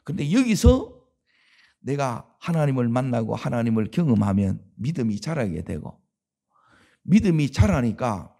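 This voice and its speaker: A man's voice: mid-range voice, sing-song, measured pace, gravelly, warm tone, husky. A man preaching a dawn sermon as pastor, with a Gyeongsang Korean accent, talking conversationally and asking the congregation rhetorical questions.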